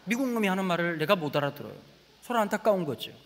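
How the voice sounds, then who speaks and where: A man with a Gyeongsang accent preaches a testimony, his voice rising into loud, high bursts and then dropping to hushed asides. His tone is a little husky and sits somewhat high for a man. The church sanctuary gives a long, hanging reverb. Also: racing. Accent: Gyeongsang Korean. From Gyeongsang region, Korea. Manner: animated storytelling, swings between loud exclamations and hushed asides. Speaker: guest preacher. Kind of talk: sermon with personal testimony.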